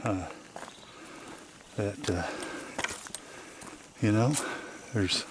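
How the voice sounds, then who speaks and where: Middle-aged man, low and slow, out of breath on a trail, noisy outdoor camera audio. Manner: often drops to a hush. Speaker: vlogger on a woods hike. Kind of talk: casual walking vlog. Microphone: handheld camera.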